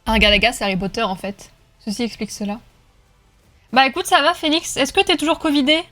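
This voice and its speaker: A woman streaming from home, chatting with her viewers in a lively, joking way and cheering on a race. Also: high-pitched, quick pace, soft background music. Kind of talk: live-stream chat with viewers while racing.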